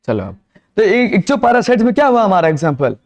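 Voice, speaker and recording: A man's voice: high voice, big pitch swings, brisk, muffled recording. A man teaching a biology class, lecturing in a mix of Hindi and English and quizzing students with repeated questions.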